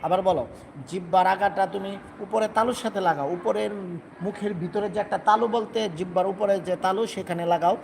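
A man's voice: high-pitched, fairly even intonation, moderate pace, vocal fry, a little mellow, slight background noise. A man teaching Quran pronunciation in a live stream, stretching out and repeating each letter sound for students to copy.

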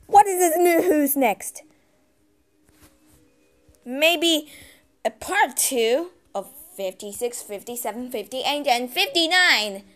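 A woman narrating and hosting a fan-made cartoon in halting, broken phrasing. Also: high voice, a bit bright, no room sound. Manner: halting, ungrammatical phrasing with fillers.

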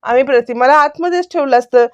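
A woman takes the part of a worried husband speaking gently to calm his wife. Her voice stays fairly high and the recording is dry and slightly dull. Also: fast, smooth, dry recording, close to an everyday voice. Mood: soothing. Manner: concerned, soothing.

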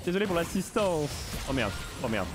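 A man commentating his own game live, excitable and swearing, with mock-formal asides and bits of English. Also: fairly high pitch, a little fast, noisy background. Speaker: streamer.

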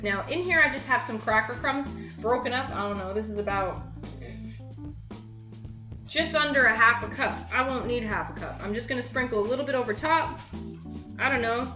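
A young woman with a high voice chats her way through a recipe in her own kitchen, upbeat and direct with the viewer. The room is roomy and echoey, and music plays underneath. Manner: chatty, upbeat, talks straight to the viewer. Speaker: cooking show host. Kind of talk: casual cooking demonstration. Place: home kitchen, indoors.

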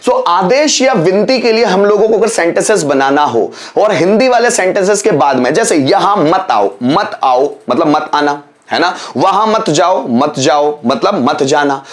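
A young man gives a spoken English lesson in a high, bright voice. His pitch rises and falls in a lively, sing-song way. He slows right down to dictate each example sentence. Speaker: English teacher.

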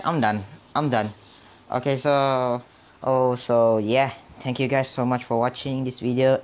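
A man playing a horror game and commenting on it, jumpy and nervous, often dropping to a whisper and muttering mild curses to himself. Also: mid-range voice. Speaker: gamer. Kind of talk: horror let's play commentary.

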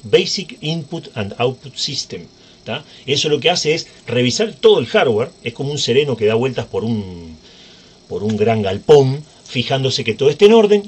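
A man's voice: medium pitch, husky. A man giving an informal, chatty computer tutorial, often checking in with his viewers. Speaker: tech tutorial presenter. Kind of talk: screen-recorded computer tutorial.

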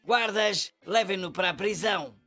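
A man's voice: high-pitched, moderate pace, bright, forceful tone, faint music behind. A man voicing a scheming, blustering frog vizier in a cartoon dub, with a European Portuguese accent. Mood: gloating.

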